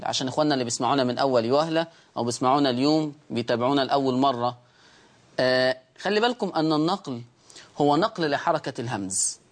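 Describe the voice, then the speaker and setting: A man with an Egyptian accent hosting a Quran recitation lesson, patiently explaining rules and repeating each point twice. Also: a little high. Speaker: Quran recitation teacher and host.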